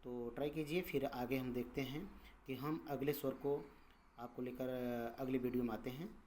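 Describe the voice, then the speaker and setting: A man's voice: medium pitch, fairly even intonation, a little mellow, slight background noise. A man teaching English pronunciation as a patient teacher, repeating each word and its meaning. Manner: patient, repeats words and meanings, drawn-out vowels. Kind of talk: slow explanatory lesson.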